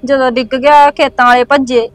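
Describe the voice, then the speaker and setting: An actress playing a tired mother who speaks softly and wearily of her lost son. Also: fairly even intonation, fairly quick, dry recording, natural voice. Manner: subdued, low-key, worn. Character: weary village mother.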